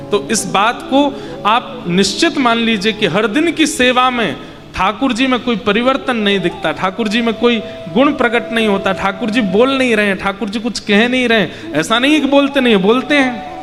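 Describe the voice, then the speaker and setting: A man giving a devotional scripture sermon, telling the story with expressive voices and repeated emphatic phrases. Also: very high voice, moderate pace, long reverb tail, music in the background. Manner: acts out child and mother voices in the story, lively. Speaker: Bhagavat katha preacher.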